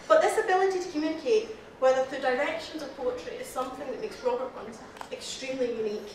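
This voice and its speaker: A Scottish woman gives a humorous toast speech. She is nervous and giggles between her lines, and her voice sits high. She is recorded from far off in a very echoey hall with faint background noise. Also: quick pace. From Scotland. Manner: giggly, laughs often between lines, apologizes a lot. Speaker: speaker giving the reply to the toast to the lassies.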